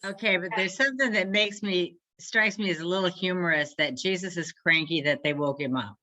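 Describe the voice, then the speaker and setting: Amused church class member, bright tense voice. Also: medium pitch, a little fast, low-quality recording. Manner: amused, animated. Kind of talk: casual group discussion.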